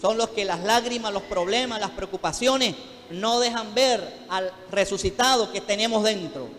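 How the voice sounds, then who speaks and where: A man with a high voice preaches a fervent sermon as pastor, calling out to his congregation. His voice rings through a church with a long, trailing reverb. Soft music plays faintly beneath him. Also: normal speed.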